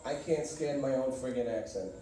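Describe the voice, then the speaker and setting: A man of medium pitch and moderate pace, from Boston and carrying its accent, performs stand-up on a club stage, telling brash, punchy stories and joking with the audience. Crowd laughter and noise surround the distant, echoey recording.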